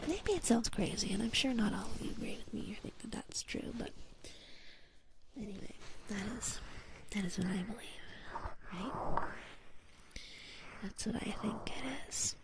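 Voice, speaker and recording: A woman's voice: medium pitch, moderate pace, gravelly, pauses often, low-quality recording. A woman streamer whispering a drowsy, playful and teasing ASMR ramble with whispered role-play, very close to the mic. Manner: sleepy, drowsy. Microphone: close mic, cupped whispering at the ear.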